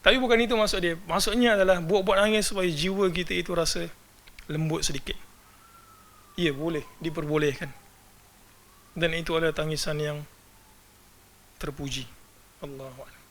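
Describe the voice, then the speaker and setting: A man's voice: a little high, steady tone, moderate pace, long pauses, a bit bright. A man with a Malaysian Malay accent giving a religious lecture, often asking his audience rhetorical questions. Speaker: religious teacher.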